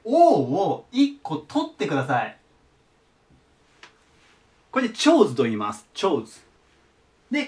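A man's voice: high-pitched, distant mic. A man teaching English verbs to students, patiently repeating each word form. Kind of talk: explaining English vocabulary to students.

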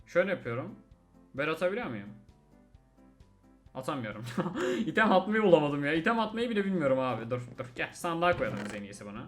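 A young man giving casual, excitable commentary while playing a mobile game, chatting to his viewers. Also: a little high, fast, faint music behind. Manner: chatty, excitable, swears oaths, addresses viewers. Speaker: gaming video host.

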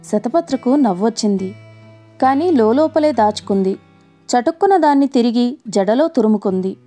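High, mellow-voiced woman narrating a novel. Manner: measured, expressive storytelling. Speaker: audiobook narrator. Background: faint music.

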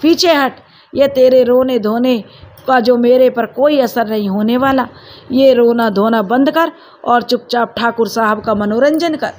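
A woman's voice: fairly high pitch, a little slow, darkish tone, close to an everyday voice. A woman voicing a scheming older village woman who is harsh and greedy, talking in a coarse, scolding way.

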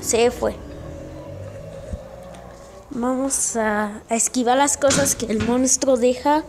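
A woman giving casual gameplay commentary for her channel, excitable and yelping often, with direct shout-outs to viewers. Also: a little high, takes it slowly, over music. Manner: excitable, with frequent yelps and exclamations. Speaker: gaming channel host.

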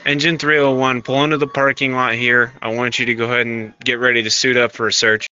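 A man's voice: mid-range voice, level tone, quick pace, pushed and bright. A male fire incident commander giving directive, procedural orders over a two-way emergency radio. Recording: dull lo-fi radio, faint static.

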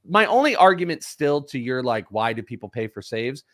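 A man serves as the prospect analyst on a live fantasy baseball broadcast, talking in quick, casual bursts of stats and opinions. His voice sits at an ordinary middle pitch. The recording is dry and close, with no room sound. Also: big pitch swings, a bit bright, no room sound.

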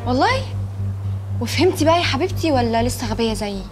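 A woman's voice: high-pitched, animated, fairly quick, over music. A woman with an Egyptian Arabic accent playing a jealous student who speaks in a mocking, sarcastic way.

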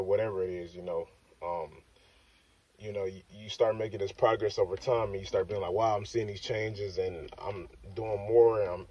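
A young man with a very low, husky voice talks to a phone camera propped in his parked car, drifting loosely from point to point. His tone is dark and relaxed. The phone sits a little way off and gives him a dull, muffled sound. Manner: loose, rambling, repeats "like I said" and "you know what I'm saying". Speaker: fitness vlogger. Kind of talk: casual self-filmed talk. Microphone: phone on the dashboard. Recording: dull, slightly distant phone audio.

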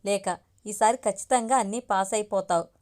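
A woman's voice: mid-range voice, fairly even intonation, fairly quick, a little mellow, close to an everyday voice. A woman voicing a friendly young college girl who reassures her best friend. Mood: reassuring.

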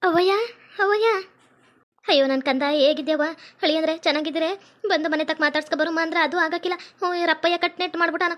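A fussing middle-aged village mother, played by a woman in a comedy skit, talking fast. Her voice is high and fairly level. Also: steady tone, a bit bright. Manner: chatty, fussing, quick-talking.

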